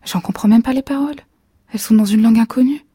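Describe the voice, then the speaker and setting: Wistful, excitable alien wife, read by a woman with a husky, soft voice. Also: medium pitch, brisk, no room sound, studio quality. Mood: dreamy. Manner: eager, wistful. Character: dreamy, excitable young Martian wife.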